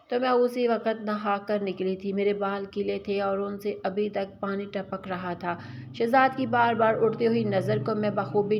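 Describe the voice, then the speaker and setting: A woman telling a romantic story in first person, in a wistful, confessional way, on a slightly dull lo-fi recording. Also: medium pitch.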